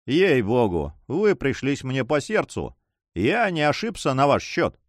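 A man's voice: medium pitch, big pitch swings, unhurried, dry recording. A man voicing a cool, mocking male pirate captain who speaks with dry sarcasm, in an audiobook reading. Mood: coldly sarcastic. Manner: ironic, coolly sarcastic.

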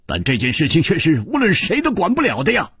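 A man's voice: fairly high pitch, huge pitch swings, fast talker, a bit bright, husky, no echo, clean studio sound, pitched above the performer's own voice, exaggerated voice. A man voicing an anxious, stubborn young male swordsman who urges his friends to leave. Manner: urgent, pleading and insistent.

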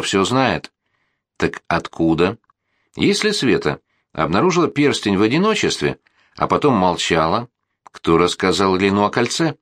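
Male reader as a questioning woman sleuth, pointed and argumentative, fairly low voice. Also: a bit bright, dry recording, clean studio sound.

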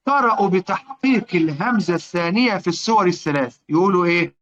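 Egyptian man, high voice, recitation teacher, repeats and checks in with listeners, slightly dull lo-fi sound. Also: expressive, a bit bright. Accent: Egyptian Arabic. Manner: repetitive, quizzing listeners, chants verse slowly. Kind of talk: explanatory lesson on Quranic reading rules.

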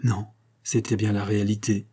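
A man narrating a novel in a measured, dramatic reading. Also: fairly low pitch, flat delivery, mellow, slightly rough. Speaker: audiobook narrator. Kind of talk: scripted narration.

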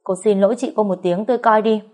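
A woman voicing a domineering middle-aged husband who talks in a loud, scolding way. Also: mid-range voice, fairly even intonation, fast, voice pushed up, close to an everyday voice.

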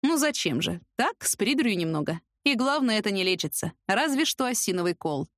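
A smug young man with a lazy, mocking drawl, as a woman narrator puts him on. He teases and shrugs people off in a fairly high, lively voice. It is a dry, close audiobook read. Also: brisk, dry recording. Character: cocky young man, smug teasing charmer.

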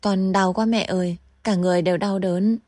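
A woman's voice: mid-range voice, fairly even intonation, a little fast, no echo, studio quality, lightly acted. A woman voicing a spiteful young captive who snarls in rage and then whimpers like a frightened child. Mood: whimpering. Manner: shouts in rage, later whimpers like a scared child.

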